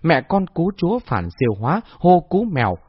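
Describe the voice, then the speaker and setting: A man's voice: a little high, moderate pace, slightly rough, no echo. A man narrating a novel expressively as an audiobook reader. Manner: expressive, lively storytelling. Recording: dull lo-fi dry recording.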